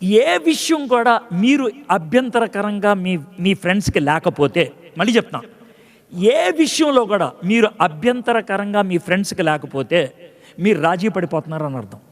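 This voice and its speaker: A man's voice: high-pitched, big pitch swings, normal speed, in a large hall. A man pastor preaching a sermon in a conversational way, acting out scripture dialogues and quizzing his congregation. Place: church.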